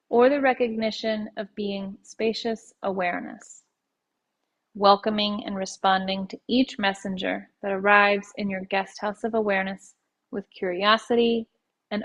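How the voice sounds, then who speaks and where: In a lo-fi recording, a woman of medium pitch leads guided yoga nidra. Her pace is relaxed and soothing, and she lets each phrase fade out softly.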